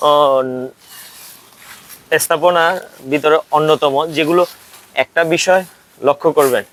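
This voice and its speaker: A man from Bangladesh narrating a tour of a historic estate outdoors, speaking formally and pausing often on "ah" fillers. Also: a little high, steady tone, a bit bright, slight background noise. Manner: formal, with frequent hesitant "ah" fillers. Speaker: travel vlogger and tour guide.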